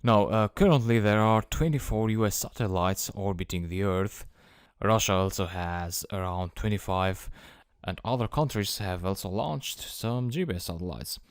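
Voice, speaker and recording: A man with an Eastern European accent giving an explanatory lecture as an instructor, in a measured, methodical manner. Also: lowish voice, clean tone, dry recording, studio quality.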